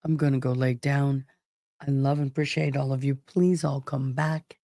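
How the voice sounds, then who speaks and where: A tired woman with a very deep, warm voice hosts a casual livestream covering a trial, speaking at a moderate pace with fairly even intonation in clean studio sound with no echo. Her voice sounds worn out and struggling, yet she talks affectionately to viewers, calling them babe and love.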